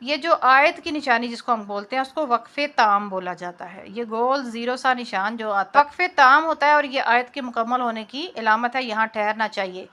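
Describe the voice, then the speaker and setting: A woman teacher explaining the rules of pausing in Quran recitation, patiently repeating each point. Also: fairly high pitch, sharp tone. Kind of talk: explanatory tajweed lesson.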